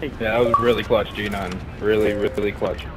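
A man's voice: lowish voice, flat delivery, fairly quick. A man making casual team callouts in short, repeated phrases during an online game. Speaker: online tournament player. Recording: noisy game voice-chat headset.

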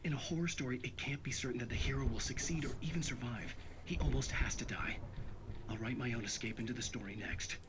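An actor voicing a haunted male writer hero, giving measured inner-monologue narration in a video game. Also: mid-range voice, very noisy, close to an everyday voice. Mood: grim resolve.

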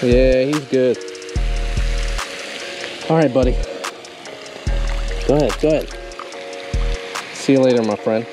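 Music plays under this fishing vlogger, a young man of medium pitch who speaks slowly and pauses often. Out at a pond and on a small lake boat, he chats casually, excitedly teasing and talking to each fish he catches.

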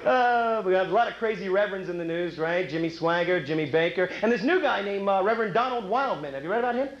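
A man's voice: high-pitched, animated, fast. A male stand-up comedian in a chatty routine, teasing the crowd with rhetorical questions and laughing at his own jokes. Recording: echoey, muffled club recording with loud noise.

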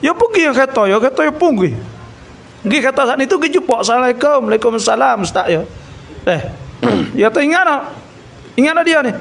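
A man with a Kelantan Malay accent giving a religious talk, telling a story with acted-out dialogue and frequent throat clearing. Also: very high-pitched, fast talker, slight background noise. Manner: animated storyteller, acts out dialogue. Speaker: religious lecturer.

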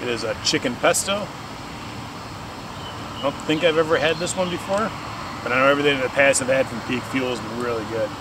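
A relaxed man in his forties chats to his camera at a campsite and talks while he rides, dropping easy fillers as he goes. Open-air hiss and ambience sit clearly under his mid-pitched voice. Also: brisk, pauses often. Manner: relaxed, chatty with frequent fillers. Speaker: vlogger. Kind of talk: casual outdoor vlog. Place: outdoors at a campsite and on a bike trail. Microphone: camera on a tripod, action cam while riding. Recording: noisy outdoor camera audio. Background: outdoor ambience.

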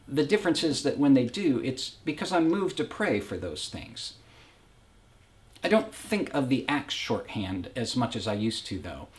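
A man with a medium-pitched voice, the pastor of a faith community, delivers a reflective, personal sermon in a measured manner.

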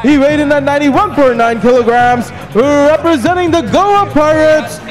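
High-pitched male boxing-style ring announcer, booming. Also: normal speed, low-quality recording. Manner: booming, projected, stretching out names. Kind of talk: boxing ring announcer style, formal drawn-out fighter introductions. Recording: arena PA amid crowd and music.

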